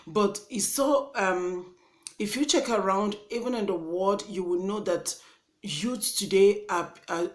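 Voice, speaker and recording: A young woman with a Nigerian accent speaks straight to camera in an earnest, indignant monologue, often repeating and restarting her words. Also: medium pitch. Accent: Nigerian English. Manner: passionate, indignant. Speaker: vlogger. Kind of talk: impassioned vlog monologue.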